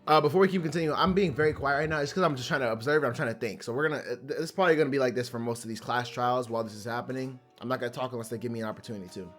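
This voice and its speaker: A man hosting a gaming channel, dropping a quick, rambling aside during a let's play. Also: medium pitch, soft background music.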